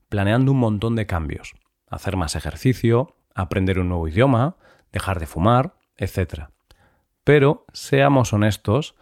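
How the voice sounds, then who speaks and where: A man with a Spain accent hosting a podcast for learners, his throat still recovering from flu so he sounds a bit rough and hungover. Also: on the low side, a little mellow, no echo, clean studio sound. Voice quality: slightly rough, worn throat. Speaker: podcast host for Spanish learners. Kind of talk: scripted podcast narration for language learners.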